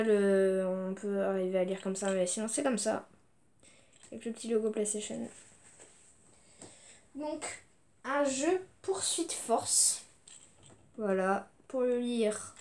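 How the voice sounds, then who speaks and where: A young woman with a fairly high, darkish voice casually walks through her video game collection in an unboxing-style chat. She sounds hesitant, filling gaps with "um"s and often restarting her sentences.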